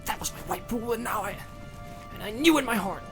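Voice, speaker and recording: Audiobook: male narrator voicing a loyal young hobbit crying out in desperation, pitched up high. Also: lively intonation, a little fast, music in the background. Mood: frantic.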